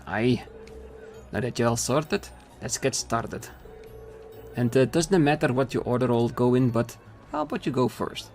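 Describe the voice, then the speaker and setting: A man's voice: medium pitch, animated, a little slow, darkish tone, faint music behind. A man voicing a brusque middle-aged market trader with a put-on Scottish accent, giving blunt instructions sprinkled with dialect words. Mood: brisk.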